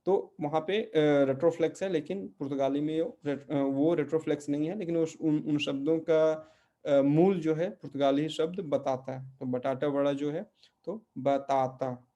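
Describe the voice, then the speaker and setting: A man's voice: a little high, fairly even intonation, normal speed, mellow, highs cut off. A middle-aged man teaching a language class, patiently explaining pronunciation and often checking with the students. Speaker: Portuguese teacher. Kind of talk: online language lesson in Hindi.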